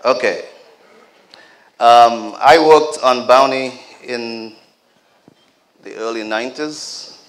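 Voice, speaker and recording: A man's voice: medium pitch, takes it slowly, long pauses. A man giving a speech at a community celebration. He exhorts the crowd in a preacher-like cadence and speaks to them directly, with joking asides.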